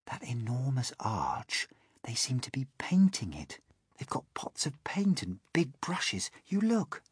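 A man voicing a cautious, curious boy in a storybook, urgent and often hushed. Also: on the low side, big pitch swings, a little slow, husky, no room sound, clean studio sound, recorded from a distance, exaggerated voice. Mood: whispered wonder.

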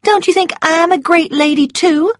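A woman's voice: extremely high pitch, normal speed, dry recording, studio quality, pitched above the performer's own voice. A woman voicing a vain, spoiled young Southern belle who speaks in a petulant, indignant way. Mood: coy.

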